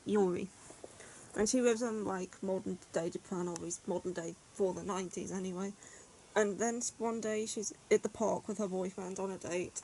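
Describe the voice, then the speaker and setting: A woman's voice: medium pitch, darkish tone, slight background noise, low-quality recording. A woman giving a casual, rambling video review of her favourite reads, filling her talk with "like" and "yeah". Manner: chatty, rambling, frequent "like" and "yeah". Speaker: manga reviewer.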